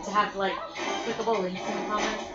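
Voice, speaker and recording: A woman's voice: medium pitch, level tone, fairly quick. Woman, sarcastic blunt chat, swearing, echoey room, noisy dull sound. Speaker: podcast co-host. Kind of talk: casual chat. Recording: roomy, dull sound with noise. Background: noise.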